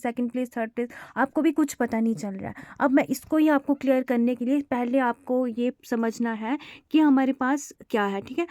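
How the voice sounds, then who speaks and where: High-voiced woman teaching shorthand. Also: dark tone, no echo, clean studio sound. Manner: halting, many fillers, repeats itself. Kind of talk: online lesson explaining to viewers.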